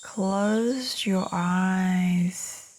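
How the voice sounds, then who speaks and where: Birdsong plays behind a woman whose medium-pitched voice leads a guided meditation, soft, soothing and breathy. She speaks in short phrases separated by long pauses, with slight background noise present.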